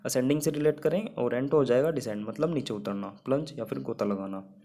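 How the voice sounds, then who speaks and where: A man's voice: mid-range voice, fairly quick, mellow. A young man teaching English vocabulary in Hindi. He explains each word patiently and builds a memory trick around it.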